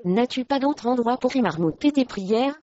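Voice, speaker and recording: A woman's voice: on the high side, animated, normal speed, no room sound, dull audio, lightly acted. Woman reading as Lord Marnell, a stern baron. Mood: angry. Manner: sharp, then earnest. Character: irritable nobleman, tender with his wife.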